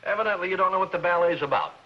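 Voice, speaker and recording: A man's voice: high-pitched, very fast, close to an everyday voice. A man playing a jovial, wisecracking male neighbor in a 1950s radio sitcom. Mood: teasing. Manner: jovial and teasing. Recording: dull lo-fi old radio broadcast with hiss.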